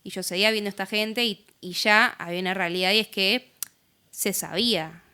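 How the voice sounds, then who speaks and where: A woman's voice: mid-range voice, fairly quick, clean tone. A young woman with an Argentine accent, a podcast guest candidly telling her own story in casual talk full of fillers. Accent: Argentine Spanish. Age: young adult. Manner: casual, lots of fillers, animated retelling.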